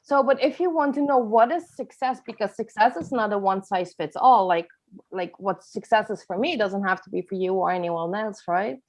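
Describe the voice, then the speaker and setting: A woman's voice: medium pitch, normal speed, darkish tone. A woman co-hosting a podcast, chatty and laughing often, asking rhetorical questions. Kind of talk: casual podcast chat. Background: family talking at home.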